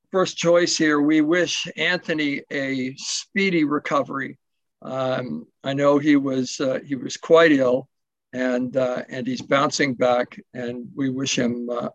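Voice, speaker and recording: A man's voice: medium pitch, a bit bright, no echo, highs cut off. A man from Canada's west coast giving a rambling, self-deprecating talk at a recovery event over a video call, full of fillers and restarts. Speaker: guest speaker at a recovery symposium. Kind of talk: casual personal share over video call. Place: home in Portugal, late at night.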